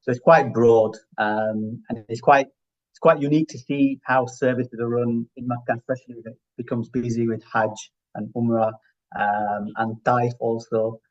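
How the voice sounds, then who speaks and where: His answers are reflective and conversational, and he frequently checks for agreement. The speaker is a middle-aged interview guest in healthcare finance, from Yorkshire, England, with a broad local accent. His medium-pitched voice is flat and moderately paced, and the audio is muffled.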